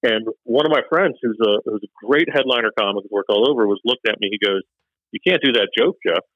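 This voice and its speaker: A male stand-up comedian with a lowish voice chats casually and briskly, rambling and running himself down with plenty of fillers and restarts. The lo-fi recording sounds dull and dry, with no echo.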